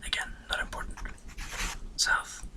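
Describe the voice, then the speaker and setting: Whispering for an ASMR video, a Norwegian man in his twenties who hosts the channel rambles through a self-deprecating life story. His tone is bright and forceful, delivered at a measured pace.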